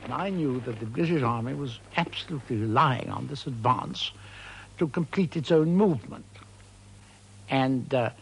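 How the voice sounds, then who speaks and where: An older man telling an anecdote in an interview, halting and hesitant, with a gravelly voice. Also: mid-range voice, rough recording. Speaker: interviewed veteran. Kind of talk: archival interview recollection.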